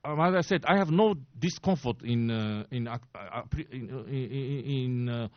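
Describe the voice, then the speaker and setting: A man's voice: mid-range voice, no room sound. A man in his sixties with a Japanese accent gives a press briefing in English. He stops and restarts often and then presses his points hard. The sound is dry and a bit dull. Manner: halting, many fillers and restarts, grows emphatic. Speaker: press briefer, former diplomat.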